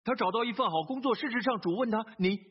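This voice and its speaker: A man's voice: extremely high pitch, quick pace, husky. A man preaching a sermon, telling a story earnestly, with hesitant fillers and repeated phrases. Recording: dull lo-fi sermon recording.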